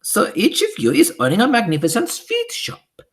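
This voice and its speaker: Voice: mid-range voice, wildly swooping pitch, normal speed, voice pushed up. A reader voicing a tiny, furious female witch leader who screeches and speaks with odd foreign-sounding grammar, in an audiobook. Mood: commanding. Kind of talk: audiobook character voice.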